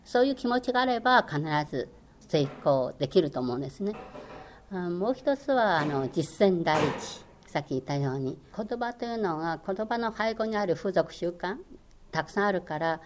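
An older woman with a lowish, animated voice talks at a normal pace over slight background noise. Chinese is her first language, and she once lectured on languages over the radio. She answers interview questions earnestly and encouragingly, with plenty of hesitant fillers.

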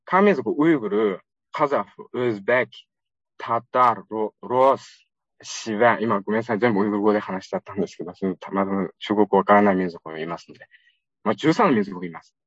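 A man from Xinjiang, China, giving a lively, conversational public lecture with frequent fillers. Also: on the low side, quick pace, vocal fry, no room sound. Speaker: guest lecturer. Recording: dull lo-fi recording, dry.

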